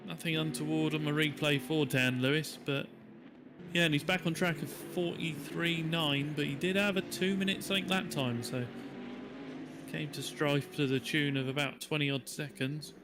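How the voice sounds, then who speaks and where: A man's voice: a little high, fairly even intonation, normal speed, noisy background. A man commentating a live sim race, chatty and joking as he reads out lap times.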